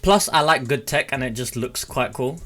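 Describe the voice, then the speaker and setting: A man's voice: medium pitch, normal speed, bright, forceful tone, faint music behind. A young British man in his twenties telling stories casually and informally to camera, speaking close into a desk mic. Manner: informal, chatty, mildly sweary. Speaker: vlogger. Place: small room at home, indoors. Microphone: close desk mic with foam cover on a boom arm.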